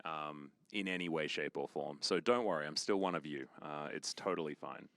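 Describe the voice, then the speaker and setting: A man's voice: very deep voice, moderate pace, a bit bright, no room sound, studio quality. A man in his thirties, an esports caster who jokes his way through casual commentary. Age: 30s. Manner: easygoing, joking.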